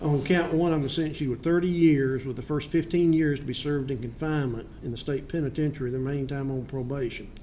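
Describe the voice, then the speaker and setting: A man's voice: mid-range voice, fairly even intonation, fast talker, few pauses, mellow. A man speaking as a judge from the bench, admonishing sternly in plain folksy terms during sentencing. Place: courtroom. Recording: echoey courtroom with faint noise.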